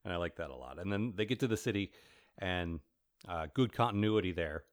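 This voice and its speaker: Low-voiced, rambling male co-host. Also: lively intonation. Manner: rambling, halting, with many restarts. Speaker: podcast co-host. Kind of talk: casual book discussion and reading aloud.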